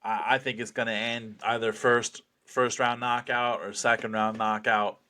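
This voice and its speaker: A man with a bright, punchy voice at an average pitch gives a casual interview as a fighter. He talks with cocky bravado and swears freely, like someone selling his next bout. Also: flat delivery, moderate pace. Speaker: professional slap fighter being interviewed.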